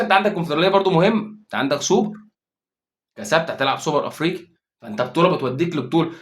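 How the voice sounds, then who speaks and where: A man with an Egyptian Arabic accent giving a casual, excitable football commentary as a fan vlogger, repeating phrases for emphasis. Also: on the high side.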